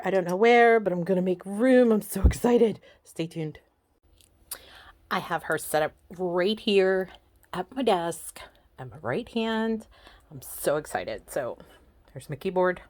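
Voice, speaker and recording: A woman vlogger chatting casually through an unboxing in her home office, gushing and excitable, with lots of "um"s. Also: mid-range voice, dry recording. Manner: gushing and excitable, many fillers.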